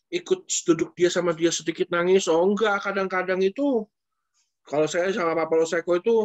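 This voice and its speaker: A man speaking as a pastor, answering a question in a relaxed, conversational way. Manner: conversational, repeats "Pak" often, lively swings in pitch. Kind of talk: casual preaching answer in an online church session. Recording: dull lo-fi online stream audio.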